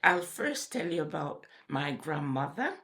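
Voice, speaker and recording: A woman, recounting family memories in a measured, emphatic way. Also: low-pitched, sing-song, fairly bright tone. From Portland, Jamaica. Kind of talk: personal reminiscence.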